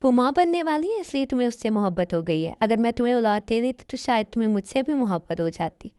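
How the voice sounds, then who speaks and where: A woman's voice: on the high side, lively intonation, fast, warm tone, clear, resonant tone, no echo, clean studio sound, close to an everyday voice. A woman voicing a jealous, demanding first wife. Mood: pleading. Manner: accusing, insistent. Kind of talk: Hindi fan dub drama.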